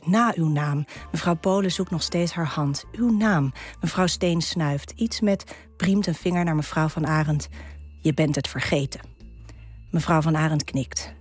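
A woman guest poet on a radio show, reading her own poem in a calm, measured way with deliberate pauses and talking about it in a studio. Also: on the low side, breathy edge. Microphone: studio microphone.

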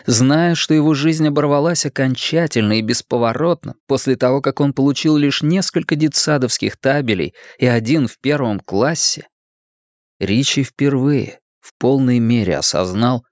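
A man's voice: mid-range voice, no room sound. Male audiobook narrator, dry studio read. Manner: reads character lines in raised, stammering voices. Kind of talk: scripted narration.

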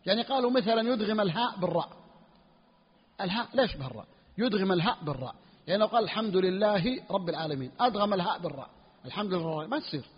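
A quick, high-pitched male sheikh with a husky voice teaches a jurisprudence lesson, repeating each point slowly and posing questions to himself. The lo-fi recording rings with long hall reverb. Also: expressive. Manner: repeats key phrases slowly for emphasis, asks and answers himself. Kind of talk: classical Arabic fiqh lesson.

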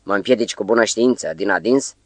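A man reading the lines of a furious young male poet who accuses and shouts at a stranger. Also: fairly low pitch, dry recording, lightly acted. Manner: angry, accusing.

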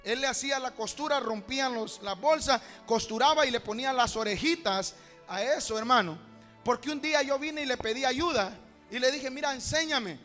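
A Honduran pastor preaches a folksy storytelling sermon with music underneath, in a very high voice at normal speed. He keeps calling the congregation brother and builds to shouted praise at the end.

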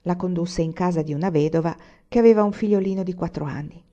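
A woman reading a classic novel aloud in a steady, measured audiobook narration. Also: lowish voice. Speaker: audiobook reader. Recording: slightly dull lo-fi recording.

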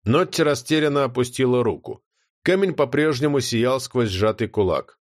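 A male audiobook narrator reading fantasy prose with expressive drama. His pitch sits mid-range but moves in lively, animated swings. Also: normal speed, no room sound, clean studio sound.

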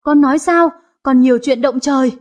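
The figure is an aging mother , played by a woman narrator, who scolds with sharp words. The voice sits high and slightly husky, in a read-aloud audio story. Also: lively intonation, moderate pace, lo-fi sound. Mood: shocked. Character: stern grieving elderly mother, family matriarch.

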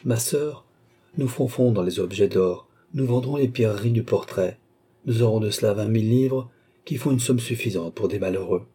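A man reading an audiobook, voicing a stern and ceremonious young nobleman in a solemn, measured way. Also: fairly low pitch, mellow, breathy edge. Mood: grave.

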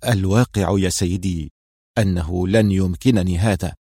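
A man putting on a low, hesitant office manager. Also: steady tone, fast, dark tone, no echo, clean studio sound. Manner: hesitant, clears his throat. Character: deep-voiced hesitant male office manager, embarrassed.

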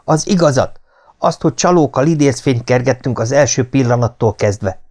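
A man's voice: fairly low pitch, darkish tone, natural voice. A man voicing the angry adventurer hero of his own first-person tale, indignant and raised.

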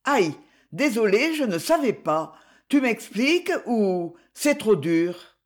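A reader voicing Livia, a curious, excitable older woman who asks eager, anxious questions in an audiobook. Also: medium pitch, slow, voice pushed up. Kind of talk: audiobook character reading.

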